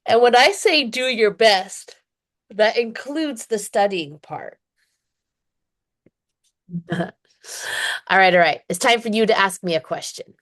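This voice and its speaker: A woman's voice: medium pitch, slow, pauses often, fairly bright tone. A woman teaching an online English lesson, chatty and encouraging, with frequent laughs; she is dizzy today. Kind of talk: one-on-one online lesson chat.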